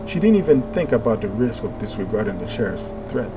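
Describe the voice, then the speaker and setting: A man reading an audiobook in steady, measured scripted narration. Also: fairly low pitch, noisy background. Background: music.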